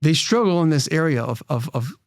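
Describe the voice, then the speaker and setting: A man's voice: on the high side, big pitch swings, a little fast, dry recording, studio quality. A man, a rabbi and nonprofit leader, speaking as a guest, earnest and explanatory, often restarting his phrases. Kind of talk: interview conversation.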